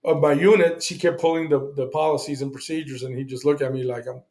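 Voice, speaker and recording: Man, middle-aged, veteran guest, blunt, casual storytelling, slightly high voice. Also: level tone, quick pace, a little mellow, a little hiss or hum. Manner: blunt, swears, acts out quoted dialogue.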